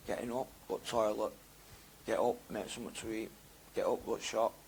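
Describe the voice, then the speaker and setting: Speaking briskly, a young interview guest talks openly in a gravelly voice edged with vocal fry. He rambles in slang, sometimes shouting with excitement and sometimes mumbling low, and the rough recording carries faint underlying noise.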